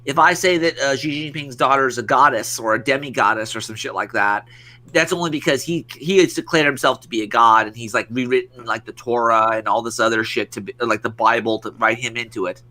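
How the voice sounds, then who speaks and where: A man's voice: medium pitch, fairly quick, bright, forceful tone. A man hosting a podcast, ranting casually with lots of swearing and restarts. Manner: rambling, profane, many restarts. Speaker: podcast host. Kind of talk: casual profane podcast rant.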